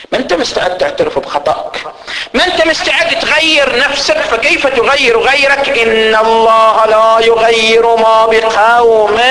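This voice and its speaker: A man preaching a sermon, swinging between loud rising exhortation and slow, low recitation of scripture. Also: noisy background.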